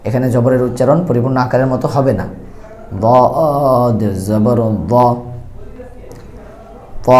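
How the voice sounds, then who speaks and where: A man teaching Quran reading step by step, with a Bangladeshi Bengali accent, patiently repeating and slowly drawing out each letter sound. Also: medium pitch, warm tone. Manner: patient, repetitive, draws out letter sounds slowly when demonstrating. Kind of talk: step-by-step recitation lesson.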